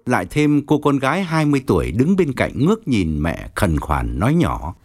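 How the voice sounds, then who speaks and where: A man narrating an audiobook story, expressive and wry. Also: medium pitch, moderate pace.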